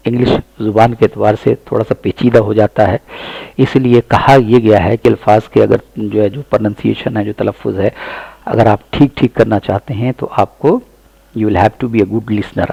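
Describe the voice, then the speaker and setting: A man with a low, gravelly and somewhat husky voice and an Urdu accent teaches English pronunciation. He says each example word slowly and deliberately, then repeats it. The recording is close and dry. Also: dark tone, dry recording, low-quality recording.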